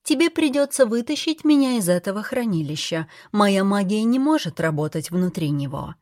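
A woman reading an audiobook, voicing the gentle, faintly bitter trapped soul of a death goddess in a raised, softer voice. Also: mid-range voice, sing-song, normal speed, no echo, clean studio sound, pitched above the performer's own voice, close to an everyday voice. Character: soft kind ancient female death-goddess soul.

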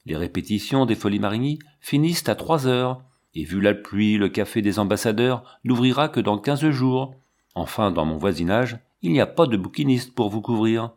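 A man reading the part of a naive, talkative little viscount in a storybook, voice dropped a bit lower. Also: animated, moderate pace, darkish tone. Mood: chatty. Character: chattering gossipy little male viscount, naive.

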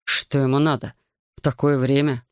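A man voicing a stern, influential host who questions his visitor in a measured, probing way. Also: mid-range voice, little pitch movement, smooth, dry recording, studio quality, natural voice.

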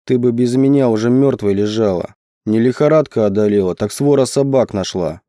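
A man voicing a huge, gruff and domineering forest man who speaks slowly and low in commands. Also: sing-song, dark tone, no room sound, studio quality. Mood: growling. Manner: slow, low, growling commands.

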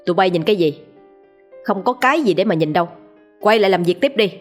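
A woman playing a bullying young man, harsh barked orders, fast. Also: on the low side, soft background music, close to an everyday voice. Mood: snapping. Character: cruel spoiled young man, bossy bully.

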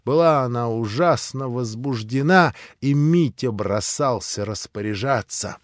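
Expressive male audiobook narrator. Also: mid-range voice, unhurried, no room sound, clean studio sound. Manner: expressive, theatrical. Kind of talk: classic novel reading.

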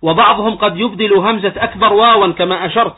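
Male religious scholar, high husky voice, methodical lecturing tone, lo-fi phone-like recording. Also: fairly even intonation, quick pace. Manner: explanatory, demonstrates wrong pronunciations. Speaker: Islamic scholar teaching jurisprudence. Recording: tinny phone-like lo-fi audio.

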